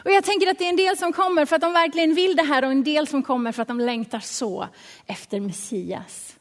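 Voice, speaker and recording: Lively woman preacher in an echoing hall. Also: high-pitched. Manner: lively, colloquial, dropping to soft hushed passages. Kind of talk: sermon. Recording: long reverb of a large hall.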